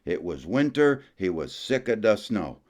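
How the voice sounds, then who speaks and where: Brief: man putting on an Acadian French storyteller, deep-voiced, folksy and rambling. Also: very animated, measured pace, darkish tone. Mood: folksy storytelling. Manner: folksy, rambling, tacks "there" onto phrases.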